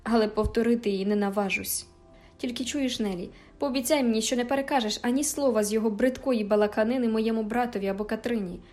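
A woman's voice: a little high, steady tone, fast, a little mellow, faint music behind, lightly acted. A woman reading aloud and voicing a bitter, frightened young wife who speaks in an agitated, pleading way.

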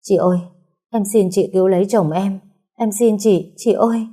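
A woman's voice: mid-range voice, moderate pace, mellow, husky, lightly acted. A woman voicing a tearful pleading young wife. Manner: tearful begging. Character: desperate young pregnant-mother daughter, pleading.

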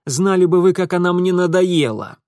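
A man's voice: sits high, moderate pace, a little mellow, no echo, clean studio sound, pitched above the performer's own voice, lightly acted. A man voicing a reckless young man who answers in curt, blunt retorts. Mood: irritated.

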